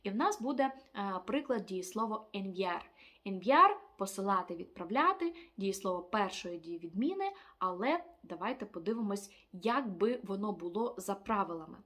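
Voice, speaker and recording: A woman teaching an online language lesson, explaining step by step with frequent filler pauses. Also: mid-range voice, lively intonation, a bit bright.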